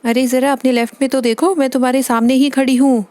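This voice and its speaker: A woman's voice: high voice, level tone, quick pace, a little mellow, no room sound, close to an everyday voice. A woman voicing a fussy, worried mother doll who frets and scolds in a storybook tale. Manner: fretful, scolding. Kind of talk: Hindi doll story voice-acting.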